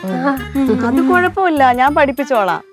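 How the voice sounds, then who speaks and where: A woman's voice: high voice, sing-song, moderate pace, faint music behind. A woman playing a fed-up, nagging wife who bosses everyone in the kitchen, in a comedy sketch.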